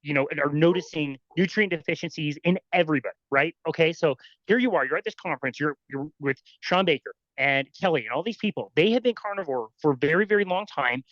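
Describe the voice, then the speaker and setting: A man's voice: on the high side, quick pace, few pauses, fairly bright tone, no echo. A man hosting a podcast in a casual interview, asking probing questions and often repeating words. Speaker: podcast host. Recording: dull, dry lo-fi audio.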